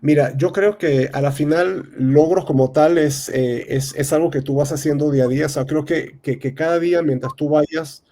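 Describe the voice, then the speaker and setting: A man in his thirties with a Venezuelan accent, a real estate advisor answering interview questions in a halting way, full of fillers and restarts. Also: fairly high pitch, warm tone. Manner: hesitant, many fillers and restarts. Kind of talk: casual interview talk.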